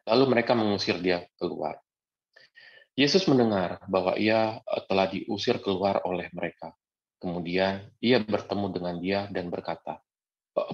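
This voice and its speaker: A man reading scripture aloud in a halting way, with small fillers. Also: deep voice, muffled recording. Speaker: scripture reader.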